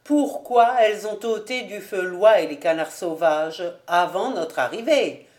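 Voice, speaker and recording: A woman reading a storybook aloud and voicing an angry, hot-tempered male cooper with a gruff, blustering manner. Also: medium pitch, a little slow, a little mellow, natural voice.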